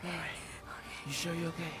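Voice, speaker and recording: An actor playing an anxious, determined teenage son in a video game, distressed, urgent and breathy. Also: male voice, a little high, level tone, quick pace, close to an everyday voice. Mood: anxious resolve. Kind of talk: video game cutscene acting.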